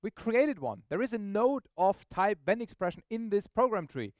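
A high-pitched man with a sing-song delivery speaks at normal speed, recorded in clean studio quality with no echo. He's a software presenter on stage in a meetup presentation room, running an informal, explanatory live technical demo and often checking in with the audience through questions.

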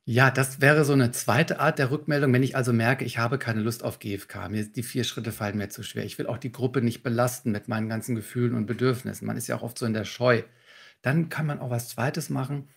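A man, a communication trainer, calmly explaining techniques in a podcast interview, with examples. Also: mid-range voice, brisk, gravelly, slightly rough. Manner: calm, instructive, walks through techniques with examples.

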